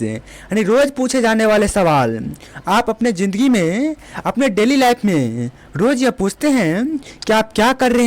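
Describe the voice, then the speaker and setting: Slow, patient male English teacher. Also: high-pitched, no room sound. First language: Hindi. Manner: repeats each English sentence slowly, explains in Hindi. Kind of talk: classroom lesson, slow drilled repetition.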